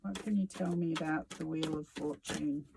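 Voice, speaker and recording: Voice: medium pitch, steady tone, moderate pace, vocal fry, noisy background. A tarot reader giving a reflective solo reading, musing aloud with sarcasm and casual swearing.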